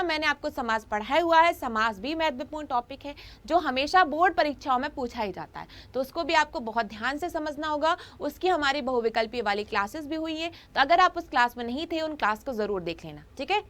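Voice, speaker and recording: A woman teaches a grammar lesson in an online class, repeating her points and checking in with her students often. Her voice sits high and sounds pushed and bright.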